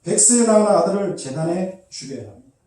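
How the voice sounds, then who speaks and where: A man's voice: high-pitched, lively intonation, a little fast, mellow. A man preaching a sermon as pastor, often asking the congregation questions and acting out the people in the story. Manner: acts out quoted voices, asks the congregation questions. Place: church hall. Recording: very echoey hall, voice from far off.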